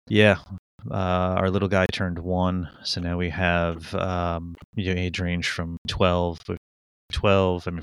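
Here the same kind of rambling, self-mocking casual chat comes from a man in his forties co-hosting a podcast in Connecticut, full of fillers and restarts. His smooth voice sits low, recorded dry on a studio mic.

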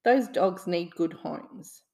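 A woman reading the lines of an eager young cartoon duck boy in a storybook, pleading and excited. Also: on the low side, takes it slowly, vocal fry.

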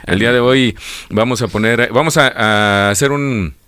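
A man's voice: medium pitch, normal speed, bright, forceful tone, smooth, no echo. A man with a Mexican accent hosting live radio banter, with a showy ringmaster-like way of announcing. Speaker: radio show host.

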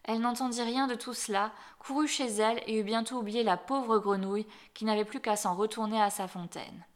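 A woman reading a fairy tale aloud as storyteller, gentle and dropping softly at the ends of phrases. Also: on the high side, steady tone, brisk.

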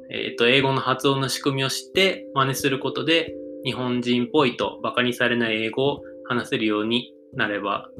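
A man presenting English pronunciation tips in a casual solo talk, relaxed and thinking aloud with fillers as he explains. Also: medium pitch.

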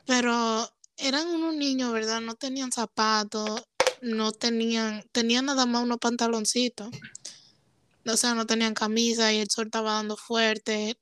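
A woman's voice: on the high side, fairly even intonation, moderate pace, fairly bright tone, smooth. A young woman guest on a podcast, talking candidly and emotionally, dropping English phrases into her speech. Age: young adult. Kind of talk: casual conversation.

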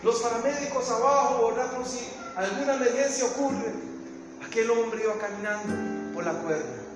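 A man with a Latin American Spanish accent preaching a sermon, telling a story dramatically and swinging from hushed tones to shouts. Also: very high voice, normal speed, reverberant, in a large hall, music in the background, rough recording.

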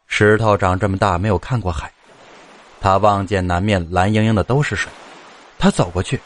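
A man narrating a folk story in a steady, even storytelling manner. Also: low voice, moderate pace.

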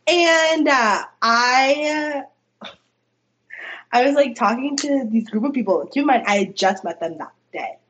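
A woman's voice: high-pitched, expressive, unhurried, fairly bright tone. A young woman telling a story in a casual podcast chat, full of fillers and giggles. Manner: chatty, lots of fillers, giggly. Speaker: podcast guest.

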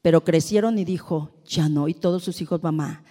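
A middle-aged woman with a Mexican accent gives an expressive motivational talk to a live audience, acting out the people in her stories. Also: lowish voice, brisk. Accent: Mexican Spanish. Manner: expressive storyteller who acts out dialogue. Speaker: presenter and speaker. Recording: long hall reverb.

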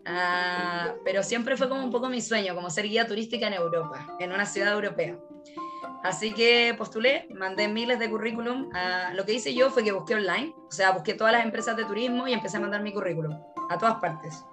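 Music plays in the background as the Chilean woman, a guest in a casual interview, shares her story with many laughs and filler words. She speaks in a Chilean Spanish accent, mid-pitched and brisk.

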